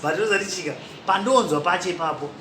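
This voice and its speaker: Talking fast in a high voice, a man hosts a podcast, rambling casually between Shona and English and chuckling at his own remarks from time to time. It's recorded in an echoey room full of background noise.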